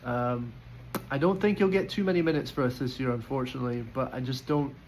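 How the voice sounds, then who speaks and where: A man's voice: mid-range voice, fairly quick, darkish tone, a little hiss or hum, low-quality recording. A man giving casual, opinionated football player ratings in a chatty way, with frequent fillers and restarts. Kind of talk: casual post-match reaction.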